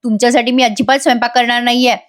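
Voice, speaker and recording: A woman voicing a stubborn, sharp-tongued young wife in a serial recap, indignant and snapping back. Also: fairly high pitch, fairly even intonation, racing, close to an everyday voice.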